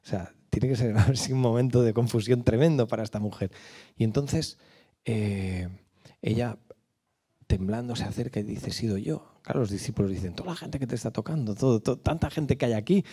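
Un hombre de unos cuarenta años con acento madrileño, hablando a una congregación en una iglesia con micrófono de mano, con muchas pausas y muletillas. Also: male voice, mid-range voice, warm tone, breathy edge. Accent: Madrid Spanish. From Spain. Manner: hesitant, many fillers and restarts. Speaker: guest speaker at a church. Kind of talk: church talk to a congregation. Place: church hall with a small stage. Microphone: handheld microphone.

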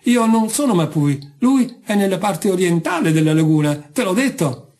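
A man's voice: on the high side, expressive, moderate pace, darkish tone, slightly rough. A man voicing a worried island husband in a read-aloud story, earnest and flustered. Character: frightened, worried island husband, pearl diver.

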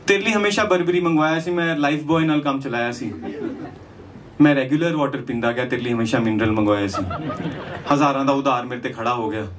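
With a handheld mic in a small indoor comedy club, a comedian delivers rhymed storytelling stand-up, moving between verse and casual asides. His voice is mid-range with fairly even intonation and a brisk pace, and the live stage sound is distant and noisy.

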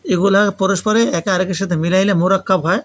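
A man's voice: high voice, fairly even intonation, a little fast, a bit bright, slight background noise. A man from Pakistan with a Pakistani accent and native Urdu, teaching interactively in a foreign learner's Bengali mixed with Urdu, repeating and prompting with questions. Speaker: Arabic grammar teacher. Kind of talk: interactive lesson, explaining and quizzing students.

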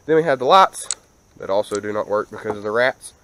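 A man's voice: lowish voice, lively intonation, brisk, a bit bright, clean tone. A young man, casually showing off his vehicles in a rambling vlog walkthrough, recorded outdoors on an action camera. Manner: laid-back, rambling, casual slang. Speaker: vlogger. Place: outdoors in a rural yard. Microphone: action camera mic.

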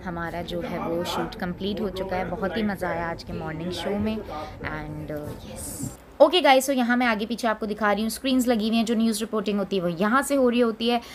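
A woman's voice: medium pitch, fairly quick, crowd noise. A young adult woman, chatting casually in a vlog and mixing in English phrases. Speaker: vlogger.

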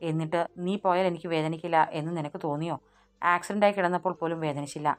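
A woman's voice: deep voice, fairly even intonation, fast, lightly acted. A woman voicing an anxious, loving young husband who presses with urgent questions, in an audiobook story. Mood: urgent hurt.

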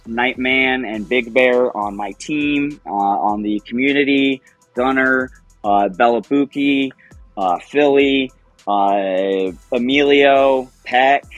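A man in his thirties, a project founder, joins an interview as a guest by video call from home, sitting by a window and speaking into his webcam. He rambles upbeatly and laughs often. His voice is medium-pitched and the recording dry.

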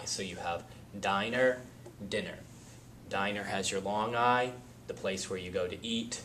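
A lower-pitched man teaches a phonics lesson at an unhurried pace. He explains each step patiently and repeats the example words slowly. A faint hiss of background noise sits under his voice. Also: fairly bright tone.

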